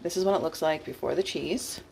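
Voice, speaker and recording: Low-pitched woman chatting casually. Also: fairly quick, gravelly, a little mellow, slight background noise. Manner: informal, self-interrupting, chatty asides. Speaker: vlogger sharing meals and recipes. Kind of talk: casual cook-with-me vlog chat.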